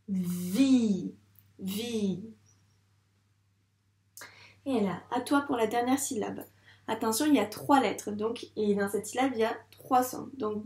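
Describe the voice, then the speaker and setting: A woman's voice: on the high side, darkish tone, far from the mic. A woman teacher, patiently sounding out letters and syllables in a reading lesson for young children. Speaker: first-grade teacher. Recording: echoey room.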